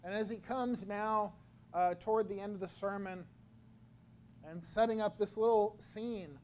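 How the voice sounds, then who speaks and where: Slow, halting high-voiced preacher man. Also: fairly even intonation, darkish tone, slight background noise. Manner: slow, halting delivery with frequent repeated words. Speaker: pastor. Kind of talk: sermon.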